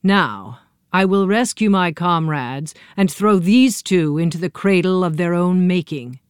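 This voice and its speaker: A woman voicing an evil, scheming male circus clown who talks slowly and gloats. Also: lowish voice, clean tone, dry recording, clean studio sound, close to an everyday voice. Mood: gloating. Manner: slow, gloating, menacing.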